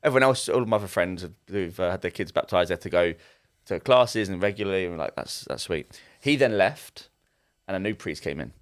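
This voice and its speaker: A man's voice: low-pitched, animated, fast. A young man telling a rambling story in casual chat as a podcast co-host, full of restarts. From England. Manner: rambling anecdote with many restarts.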